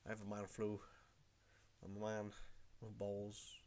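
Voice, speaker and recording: This young man from Wales has a cold and wanders through a relaxed tutorial vlog at home, often saying things twice. He speaks in a lowish, darkish voice, unhurried and completely flat.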